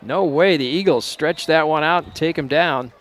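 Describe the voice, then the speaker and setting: A man calling a college football game play by play in a relaxed, unpolished way, sometimes unsure of player names. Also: a little high, normal speed. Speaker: play-by-play announcer. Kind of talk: local college football commentary.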